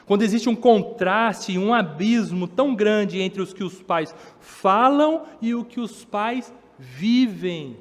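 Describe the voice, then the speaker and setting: A man with a high voice preaches a sermon, his words carrying a long reverb through a church hall. He builds up emphasis as he goes and slips into the voices of children and parents to make his point. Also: lively intonation, takes it slowly, hardly any pauses. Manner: preaching with rising emphasis, acting out children's complaints. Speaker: pastor.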